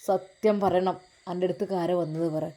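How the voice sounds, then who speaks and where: A woman voicing an angry, stern middle-aged father who shouts accusations and threats. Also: fairly low pitch, steady tone, moderate pace, voice pushed down, natural voice.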